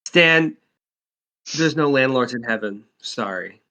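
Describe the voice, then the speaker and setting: A man's voice: medium pitch, slow, smooth. A man joking around as a player in a tabletop game. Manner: joking, lively. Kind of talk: casual role-play banter.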